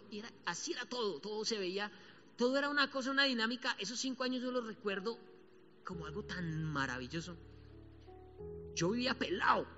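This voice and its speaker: A man with a Colombian accent preaching a sermon as a pastor, colloquial and animated, acting out quotes as he tells stories. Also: high voice. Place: church. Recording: church hall reverb, dull sound, soft music behind.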